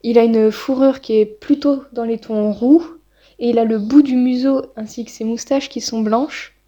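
A woman's voice: a little high, fairly even intonation, moderate pace, dark tone. Hesitant woman interviewer on a dull recording. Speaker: interviewer for a radio programme. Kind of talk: informal street-style interview.

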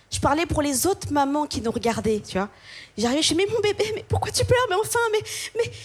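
Une jeune femme humoriste de France, qui fait un spectacle de stand-up, racontant vite et de façon animée en imitant d'autres personnes. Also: female voice, a little high, a little hiss or hum. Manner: quick, animated, acts out voices of others. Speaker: stand-up comedian. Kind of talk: stand-up comedy set.

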